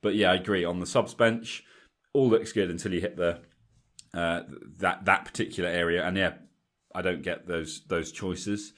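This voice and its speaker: Guy, lowish voice, casual podcast chat, lots of false starts. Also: steady tone, normal speed, a bit bright. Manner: hesitant, restarts often. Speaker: podcast co-host.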